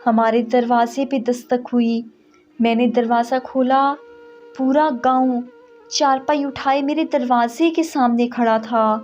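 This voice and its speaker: A woman with a high voice reads a first-person story aloud. She is emotional yet measured. Soft background music plays, and the audio sounds slightly dull. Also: steady tone. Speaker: narrator.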